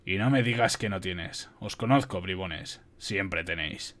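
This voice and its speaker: A man voicing a wounded soldier who speaks gruffly and with strain. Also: sits low, unhurried, a bit bright, voice pushed down.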